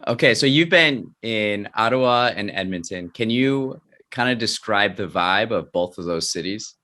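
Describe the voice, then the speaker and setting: Hosting an interview podcast, this man sounds upbeat, laughs easily, and often stumbles over and restarts his questions. His voice is on the low side, pushed and bright, with lively intonation at a normal speed.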